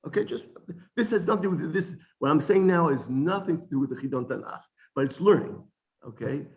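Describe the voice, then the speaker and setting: A man teaching an informal Bible study lesson, animated, often repeating words and restarting sentences. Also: on the high side, brisk, creaky.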